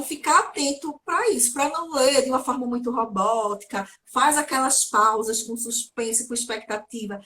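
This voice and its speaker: A woman's voice: a little high, fairly bright tone, slight background noise. A woman speaking as a guest speech therapist in a live online chat, giving practical tips with everyday examples. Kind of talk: casual explanatory live chat.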